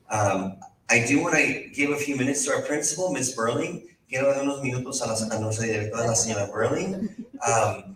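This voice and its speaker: Bright-voiced man hosting in an echoing room. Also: mid-range voice, slight background noise. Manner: repeats himself in Spanish and English. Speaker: meeting host. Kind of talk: bilingual moderating. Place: indoor school meeting room. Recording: very echoey room, distant mic.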